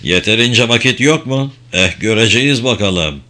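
A man voicing a determined, weary male archaeologist in a storybook reading, speaking low and steady. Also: moderate pace. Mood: urgent, steady.

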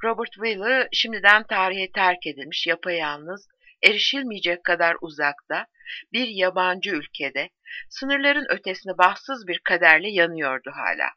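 A woman reading a novel aloud with lively, shifting intonation. The recording is dry and a little dull and lo-fi, like a home microphone in a small quiet room. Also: lowish voice, unhurried, no echo. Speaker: audiobook reader. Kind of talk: scripted narration of a novel.

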